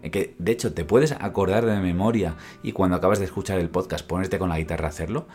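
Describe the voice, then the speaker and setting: Low-voiced man teaching guitar. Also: fast, a little mellow. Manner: explains step by step, often asks "¿vale?". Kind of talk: podcast guitar lesson. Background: guitar playing between phrases.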